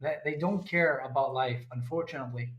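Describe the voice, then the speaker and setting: A man from Israel, a guest and army reservist, answering in earnest, halting full of restarts. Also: medium pitch, fairly bright tone, muffled recording. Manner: earnest, halting non-native English with restarts. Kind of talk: interview answers. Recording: echoey room.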